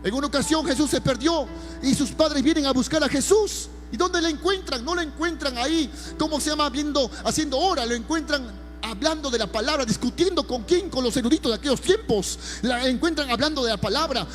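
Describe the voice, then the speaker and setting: A man's voice: very high-pitched, a little fast, faint music behind. A man preaching a sermon as pastor, calling listeners brother and building emphasis.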